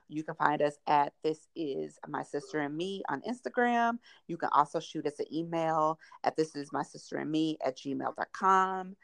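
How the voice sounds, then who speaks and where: A low-pitched woman hosts a casual podcast. She talks frankly and colloquially, leaning on her points. The recording is dry, with little room sound. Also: no room sound. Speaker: podcast host.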